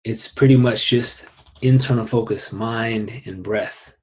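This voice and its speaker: A young man teaching an online qigong class in a calm, unhurried way, with rising emphasis and soft asides. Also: lowish voice, husky.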